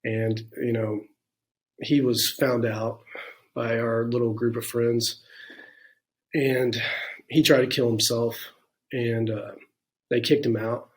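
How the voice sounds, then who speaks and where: A man's voice: mid-range voice, level tone, slow, long pauses. A man in his forties, a guest in an interview, telling his own story frankly and reflectively, with plenty of "you know" and "um" along the way. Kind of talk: candid personal storytelling in a conversation.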